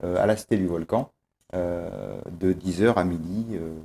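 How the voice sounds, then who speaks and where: Organizer guy talking in an interview, low and warm, lots of ums. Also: normal speed, a little hiss or hum. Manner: explanatory, with many fillers. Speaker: competition organizer. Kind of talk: interview answers.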